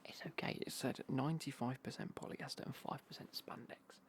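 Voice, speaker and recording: A British man whispering in a casual, rambling ASMR unboxing style, breathy and hushed, with dry, understated commentary. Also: steady tone, a little fast. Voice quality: breathy, hushed whisper with creaky low murmur. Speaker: ASMR vlogger showing golf clothing.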